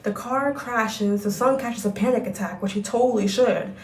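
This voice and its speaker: A woman's voice: fairly high pitch, moderate pace, echoey room. Exasperated woman ranting. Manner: animated, exasperated, profane. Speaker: vlogger reviewing a film. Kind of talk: ranting film recap.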